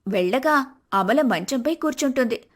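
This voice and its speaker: A woman tells an animated family story in steady, scripted narration. Her voice sits fairly high. She explains each turn of events evenly. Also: normal speed.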